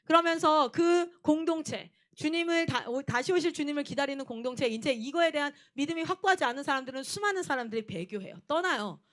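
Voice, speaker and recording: A young woman missionary preaching a sermon who tells stories, acts out shouted scenes and then drops to a low, earnest tone. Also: animated, a little fast, hardly any pauses. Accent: Gyeongsang dialect in places. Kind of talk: animated sermon with storytelling.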